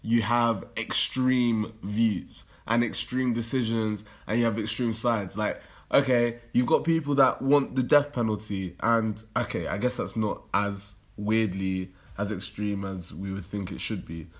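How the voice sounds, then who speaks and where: A young man in a casual debate, explaining his view in a halting, informal way. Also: lowish voice.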